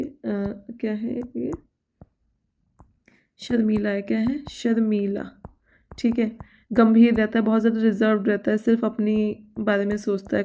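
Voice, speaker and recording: Woman teaching vocabulary in a flat voice. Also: medium pitch, vocal fry. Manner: explains by listing synonyms, checks with "theek hai"; reads English example sentences slowly and deliberately. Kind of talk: exam-prep vocabulary lesson.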